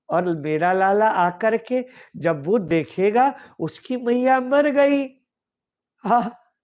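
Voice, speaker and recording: A man's voice: high-pitched, a little mellow, dull audio. A man voicing Yashoda, a loving, anxious mother, who pleads with tearful repetitions. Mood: grieving.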